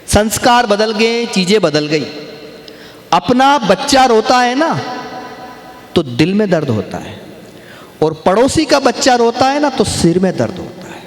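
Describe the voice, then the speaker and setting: A man performing comic poetry on stage, chatting to the crowd and then drawing out his verses slowly and with force. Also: high voice, big pitch swings. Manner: chatty asides to the crowd between slow, drawn-out, declaimed verses. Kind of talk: humorous poetry recitation to a live audience. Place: live poetry-gathering stage in a large hall. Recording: echoey hall with long reverb, faint ambience.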